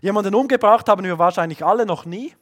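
Guy preaching a sermon, kinda high voice, goes big and loud then drops way down quiet and slow. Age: adult, father of young children. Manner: swings between loud emphasis and hushed, slow lines.

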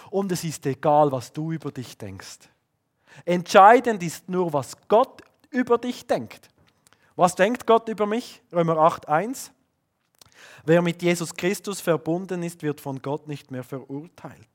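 Man preaching, voice slightly high. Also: lively intonation. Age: adult, father of young children. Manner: swings between loud emphasis and hushed, slow lines. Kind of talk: sermon.

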